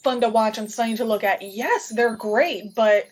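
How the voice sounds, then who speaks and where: A woman's voice: fairly high pitch, moderate pace. A woman in a casual panel chat on a video call, thinking aloud about a show. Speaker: podcast panelist. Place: indoors at home on a video call.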